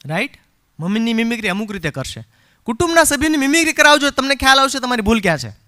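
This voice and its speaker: Lively, high-voiced male seminar speaker. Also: fast. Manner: animated storyteller who acts out quotes and chants rhymes; mixes English phrases into his talk. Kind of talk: live parenting seminar talk.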